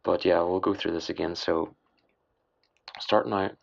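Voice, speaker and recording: Low and steady in tone, this man's raspy, exhausted late-night voice carries an off-the-cuff software walkthrough for music production. He stumbles and mutters as he narrates over a screen recording, and the audio is muffled and lo-fi.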